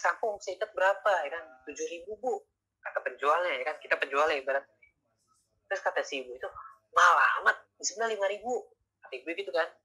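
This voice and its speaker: Over tinny video-call audio, a sales trainer delivers a relaxed online lecture on sales, chatting and tacking tag questions onto nearly everything. His voice is on the high side, sharp, and husky.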